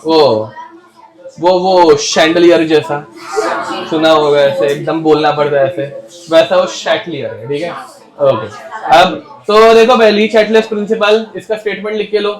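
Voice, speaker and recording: A man's voice: fairly high pitch, steady tone, measured pace. A young Indian man with an Indian English accent teaching chemistry to a class, scolding talkers and dictating notes word by word. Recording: echoey classroom.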